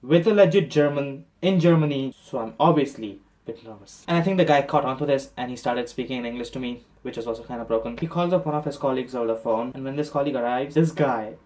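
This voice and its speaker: Man, from India, travel vlog narration, exasperated, self-mocking, mid-pitched voice. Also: fast talker, hardly any pauses, a little mellow. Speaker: travel vlogger.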